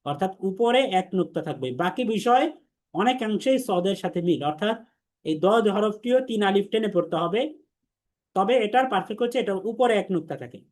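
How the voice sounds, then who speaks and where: A man teaching an online class on Arabic letters, patiently repeating each letter sound slowly and leading the class in drills. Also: sits high, animated, a little mellow. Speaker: Quran teacher.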